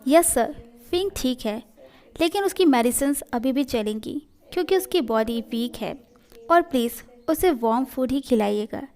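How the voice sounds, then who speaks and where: A woman voicing a calm, reassuring male doctor in a read-aloud fan story. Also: extremely high pitch, normal speed. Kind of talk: storytelling in a fan fiction reading.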